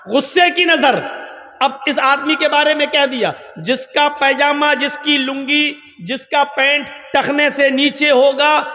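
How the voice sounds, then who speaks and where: A male preacher gives an emphatic sermon, building to shouts and pointed rhetorical questions. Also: very high-pitched. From Uttar Pradesh, India. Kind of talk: Islamic sermon at a public gathering. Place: large public gathering with a PA system. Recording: echoey PA sound with long reverb.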